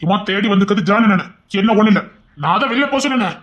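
Brief: a man as a brash, devoted young husband in an audio drama; husky, rapid talker. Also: fairly high pitch, fairly even intonation. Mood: angry. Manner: fast, blustering, then soft and coaxing. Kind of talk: amateur Tamil audio drama.

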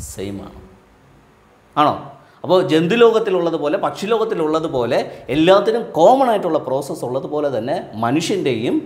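In an echoing hall, a male spiritual teacher from Kerala delivers sermon-style teaching to a live crowd. He peppers listeners with rapid rhetorical questions, then drops his voice soft and low to close out each point.

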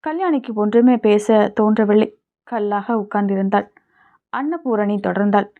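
A woman's voice: mid-range voice, moderate pace. Woman reading a story, tinny sound. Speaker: audiobook narrator. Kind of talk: scripted story narration.

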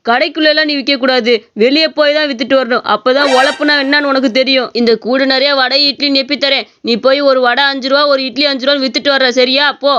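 A woman's voice: high voice, fairly even intonation, fast talker, hardly any pauses, fairly bright tone, highs cut off. A woman voicing a bossy, scheming village shopkeeper in a cartoon story. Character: village idli shopkeeper, bossy grown man.

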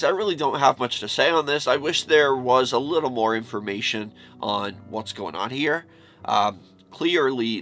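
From a cramped room packed with horror collectibles, a YouTube reaction host in his thirties from New York rambles casually. His stuffy nose gives his mid-range, fairly bright voice a nasal quality.

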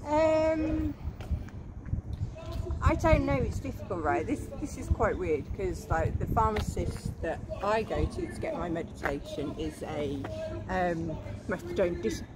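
A woman's voice: fairly low pitch, expressive, unhurried. A woman in her thirties, a guest who once worked in a prison, chatting in a walk-and-talk interview on a street at night, speaking into a lapel mic. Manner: chatty, self-deprecating. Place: outdoors on a city street at night. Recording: loud street noise.

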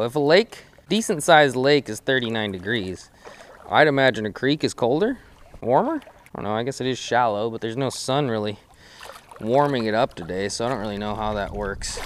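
There's a little hiss or hum as a young man, medium-pitched, talks to his head-mounted camera while fishing on a creek bank under a bridge. This fishing vlogger keeps it casual and self-deprecating, rambling along with lots of "uh"s.

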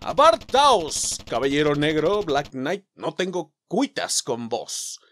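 A man with a Mexican Spanish accent voicing a brave young knight hero in a game, in slow, solemn old-fashioned speech. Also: a little high, big pitch swings, fairly bright tone, exaggerated voice. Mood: defiant.

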